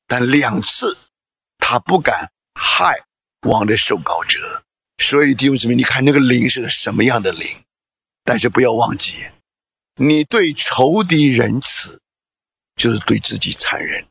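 A man's voice: mid-range voice, a bit bright, husky, dry recording. A man preaching a sermon, reading scripture aloud and pressing the congregation with emphatic rhetorical questions.

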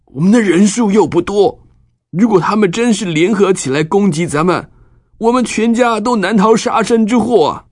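A man's voice: high-pitched, animated, moderate pace, a little mellow, no echo, clean studio sound, voice pushed up. A man voicing a distressed old father who sighs and laments as he scolds his sons in a children's Bible story. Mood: distressed, reproachful. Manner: sighing, lamenting.

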